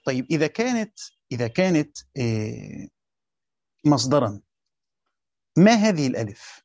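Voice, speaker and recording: A man's voice: medium pitch, very animated, a little mellow, no echo. Egyptian man teaching a class, dull recording. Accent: Egyptian Arabic. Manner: explains slowly, repeats points, quizzes the class. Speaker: teacher of Quran commentary. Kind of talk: classroom lesson, questioning students.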